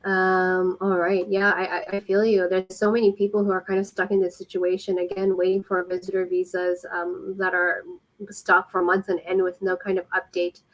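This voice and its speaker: A woman immigration consultant fields questions live, explaining things in a helpful, casual manner with lots of pauses. Her pitch is fairly low with little movement, and the recording is low quality.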